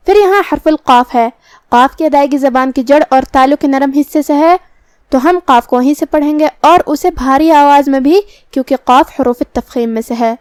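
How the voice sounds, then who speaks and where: A woman teaching Quran recitation, explaining each letter patiently and reciting verses slowly and precisely. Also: high-pitched, darkish tone, dry recording, clean studio sound. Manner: precise, patient, drawn-out articulation of each sound. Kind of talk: slow, careful tajweed lesson with recitation.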